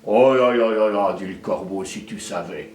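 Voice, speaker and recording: A male storyteller voicing a foolish old crow who sighs and laments in a lowered voice. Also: moderate pace, a little mellow, close to an everyday voice. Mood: lamenting. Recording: roomy echo, mic far off.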